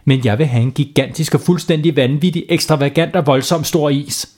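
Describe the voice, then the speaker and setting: A man's voice: a little high, fairly even intonation, a little mellow, lightly acted. A man voicing a stubborn eight-year-old girl in a children's story, piling up big demanding words. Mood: insistent.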